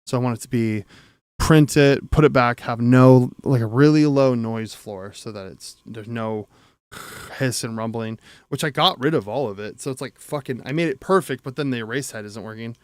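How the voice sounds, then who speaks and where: Repairing gear live on stream, this audio tinkerer rambles and interrupts himself as he thinks aloud, swearing casually along the way. He speaks at a moderate pace in a mid-range voice that is clear, resonant and a little mellow, captured in a dry, studio-quality recording.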